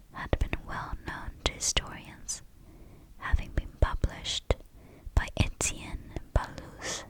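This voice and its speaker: A woman reads scripted history in a soft, unvoiced ASMR whisper. She is very close to the stereo microphone, whispering into one ear and then the other. Her delivery is very slow and measured. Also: rough recording. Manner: whispering close into the listener's ears, moving ear to ear.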